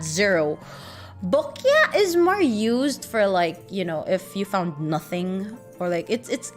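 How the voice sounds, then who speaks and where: Young woman, Filipino accent, lively sing-song voice, giggly rambling livestream lesson, faint music behind. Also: mid-range voice. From Philippines. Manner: giggly, rambling, many fillers and restarts. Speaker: streamer teaching Filipino. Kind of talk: casual livestream language lesson.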